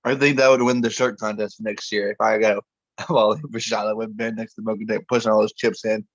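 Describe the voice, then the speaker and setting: A man joking quickly in a casual group chat, heard over a dull, lo-fi line. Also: fairly low pitch, level tone, dry recording. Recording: dull lo-fi sound.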